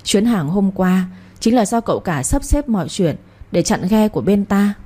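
A woman's voice: mid-range voice, animated, moderate pace, dark tone, breathy edge. A woman voicing a terrified young man who begs desperately for mercy. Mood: fearful. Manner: pleading, desperate.

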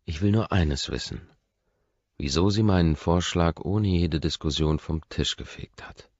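A man narrating a first-person audiobook in a measured, softly intense manner. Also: low voice, dry recording, muffled recording.

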